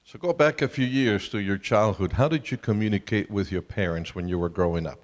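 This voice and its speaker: A man's voice: fairly low pitch, a little fast. A middle-aged man from Colombia, telling stories with self-deprecating humor as he co-presents a family ministry talk. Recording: reverberant hall.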